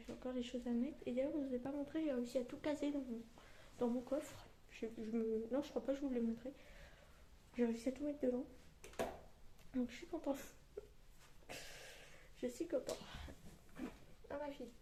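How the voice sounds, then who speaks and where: A woman chats casually to her vlog viewers in a very dark, soft-edged voice with a gravelly creak. Her s sounds come out lisped and slushy. The room is echoey, and she rambles along colloquially. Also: high voice, fairly even intonation, fairly quick, pauses often. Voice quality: lisp on s sounds from orthodontic elastics. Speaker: vlogger. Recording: roomy echo, faint background noise.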